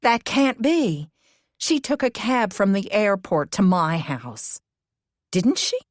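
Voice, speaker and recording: A woman's voice: medium pitch, sing-song, slow pace, no echo, studio quality. Anxious, loyal woman sleuth in a cozy mystery, read by a woman. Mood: disbelieving.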